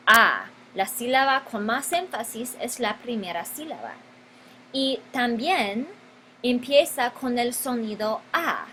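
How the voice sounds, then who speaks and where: A woman's voice: a little high, fairly bright tone, a little hiss or hum, poor audio. A woman teaching a grammar lesson, stretching out key words and repeating them for her students. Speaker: Spanish teacher.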